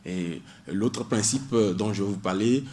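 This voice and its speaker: On a radio show, a man who is a doctoral student in public law explains asylum law in an unhurried, somewhat low, slightly mellow voice. He hesitates a lot, leans on fillers, and cites legal articles.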